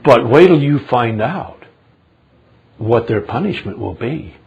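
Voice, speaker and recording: Older male preacher, husky, slow and animated, sermon from the pulpit, swings between hush and fervor. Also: dull audio. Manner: impassioned, swings from low murmurs to loud indignant outbursts. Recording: 2005 sermon recording.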